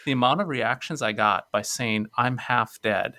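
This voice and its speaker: A man in his forties, a pastor, telling stories in an animated way during a casual podcast discussion. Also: medium pitch, normal speed, dry recording. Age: 40s. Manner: storytelling, animated.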